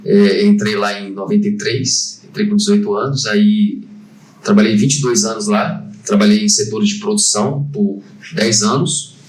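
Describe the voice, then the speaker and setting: A man's voice: on the low side, animated, moderate pace. Hesitant Brazilian man in a roomy space. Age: 50s. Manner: hesitant, many fillers and restarts. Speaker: guest, franchise owner. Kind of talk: conversational podcast interview. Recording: roomy, distant from the mic.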